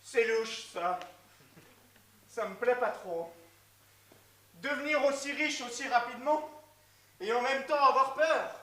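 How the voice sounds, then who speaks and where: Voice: medium pitch, takes it slowly, pauses often, sharp tone. A performer playing a suspicious, cowardly Greek man in a farcical stage comedy, nosy and melodramatic. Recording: roomy, distant mic.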